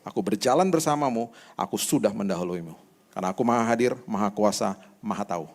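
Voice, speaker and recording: God , voiced by a preacher in his own low voice, speaks calmly, steady and reassuring, with no theatrics. The tone stays even and assured throughout. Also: fast.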